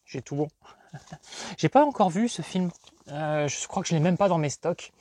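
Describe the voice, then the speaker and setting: A man in his thirties from France, talking casually about his finds in a rambling way, questioning himself and breaking into bursts of excitement. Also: a little high, normal speed. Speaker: collector vlogger. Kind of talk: casual unboxing commentary.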